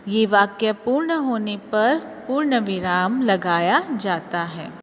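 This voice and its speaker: A woman teacher giving a school grammar lesson, explaining slowly and carefully and reading example sentences aloud. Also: mid-range voice. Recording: long reverb, faint ambient noise.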